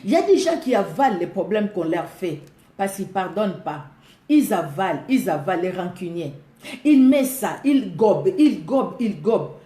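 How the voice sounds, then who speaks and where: A woman's voice: medium pitch, sing-song, moderate pace, mellow. Emphatic Congolese woman preacher, echoey. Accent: Congolese French. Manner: emphatic, repeats phrases, addresses listeners directly. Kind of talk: sermon.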